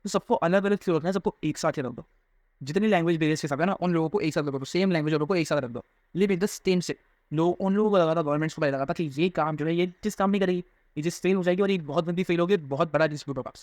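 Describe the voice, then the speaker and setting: A young male teacher works through a textbook chapter with a slightly raised voice. He reads English lines slowly and carefully, then rushes through explanations in casual Hindi and speaks straight to his students. The sound is dry and close, with no room around it. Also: fairly high pitch, a little mellow, no echo. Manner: mixes Hindi and English, addresses students directly.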